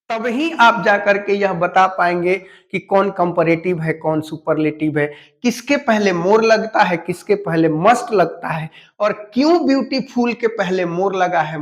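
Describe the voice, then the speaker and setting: Male teacher, high-pitched, deliberate and unhurried, patient step-by-step explainer who spells words letter by letter. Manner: speaks to students familiarly and asks them questions. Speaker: English teacher. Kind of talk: classroom lesson.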